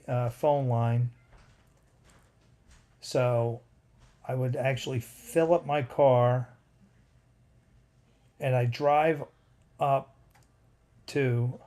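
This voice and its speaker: A man's voice: mid-range voice, mellow. A man in his fifties hosting a home livestream, telling a rambling personal story and breaking off to greet chat viewers by name. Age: 50s. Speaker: livestream host.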